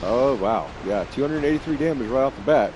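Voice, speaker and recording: A man's voice: medium pitch, lively intonation, fairly quick, noisy background. A man hosting a gaming video with casual gameplay commentary.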